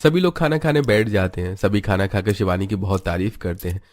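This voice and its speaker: A man reading scripted story narration, steady and even. His voice sits on the low side. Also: brisk, no echo.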